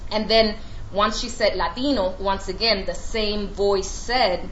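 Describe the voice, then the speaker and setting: A woman scholar delivers a lecture, moving between prepared remarks with frequent hesitant pauses. The recording is roomy and somewhat dull, with a faint hum of ambience. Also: medium pitch, steady tone. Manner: halting, with frequent "um" pauses between read passages. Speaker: academic lecturer and researcher.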